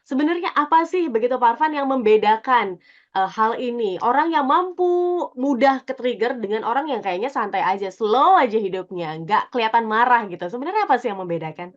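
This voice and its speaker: A woman hosting a radio talk show, greeting listeners and putting lively questions to her guest. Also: a little high, a little fast, lo-fi sound. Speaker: radio host.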